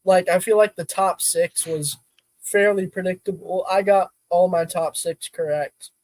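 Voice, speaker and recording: A man's voice: high-pitched, steady tone, measured pace, darkish tone, dry recording. A man co-hosting a casual sports podcast, laid-back, often restarting his phrases. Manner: laid-back, stammers on restarts, says bro. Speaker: podcast co-host.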